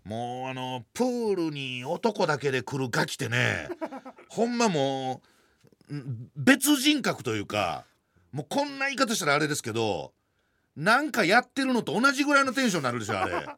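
A man in his forties with a Kansai accent, telling a funny story in a lively, self-mocking way. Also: fairly high pitch, normal speed, no echo. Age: 40s. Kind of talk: comic storytelling chat.

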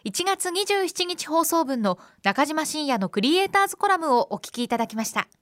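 A woman's voice: high voice, sing-song, brisk, a bit bright, dry recording, clean studio sound. A woman reading a scripted radio station announcement. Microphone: studio microphone.

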